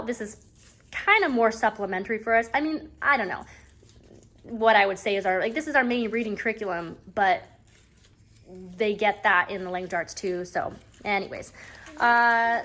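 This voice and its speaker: In a somewhat bright, mid-range voice, a homeschooling mom casually reviews a reading curriculum while seated at a table at home. Her talk rambles, punctuated often by "anyways." Faint noise and clicks run in the background.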